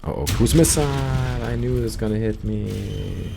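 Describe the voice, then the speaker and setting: A German-born man in his thirties with a German accent hosts a call-in show while playing a video game, chatting and often cutting himself off mid-sentence to react to the game. His voice is lowish with vocal fry, he talks at a normal speed, and the background is noisy.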